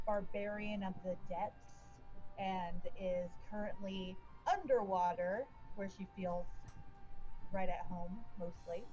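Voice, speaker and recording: A woman's voice: mid-range voice, a little mellow. A woman casually introducing herself and her character as a player in a tabletop game, on a lo-fi microphone. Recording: dull lo-fi microphone sound. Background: music.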